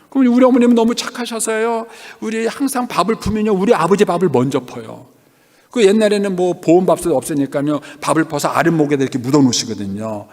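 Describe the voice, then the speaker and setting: A man's voice: sits high, creaky, darkish tone. A middle-aged man preaching a sermon as a pastor, telling a personal story and asking the congregation questions. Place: church sanctuary. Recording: long hall reverb.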